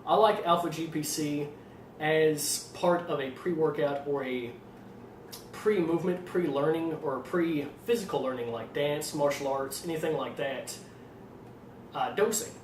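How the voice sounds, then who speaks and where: A man with an Arkansas accent explaining things informally as a trainer, in a fairly monotone voice with a slight tendency to stutter. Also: on the high side, measured pace. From Arkansas, United States. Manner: self-described monotone delivery. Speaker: fitness trainer presenting supplement advice. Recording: roomy echo, distant mic, faint noise.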